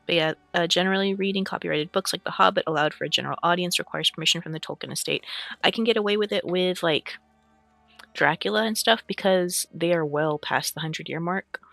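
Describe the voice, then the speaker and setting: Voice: medium pitch, fast, bright, forceful tone, no room sound, soft background music. A streamer talking casually to chat with lots of fillers, then reading a fantasy book aloud; they have the hiccups. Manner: chatty, rambling, with frequent fillers and throat clearing. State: has the hiccups. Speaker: streamer and VTuber reading lore books.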